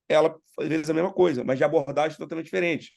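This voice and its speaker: A middle-aged man, a guest in an interview, telling anecdotes in a lively way and acting out the dialogue, his voice congested from sinusitis. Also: on the high side, fast, gravelly. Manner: animated storyteller, acts out quoted dialogue. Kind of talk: storytelling in a casual interview.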